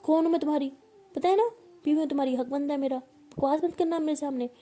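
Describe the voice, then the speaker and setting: A woman voicing a bossy young woman who loudly scolds her girlfriend in a fast, shouting way. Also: high-pitched, background noise, natural voice. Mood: angry scolding.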